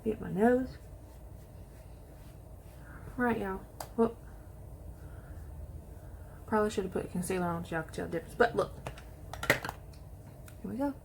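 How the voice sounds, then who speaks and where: A woman chatting excitedly to viewers while she does her makeup in a casual tutorial. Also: medium pitch, moderate pace, creaky, pauses often, background noise. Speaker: beauty vlogger.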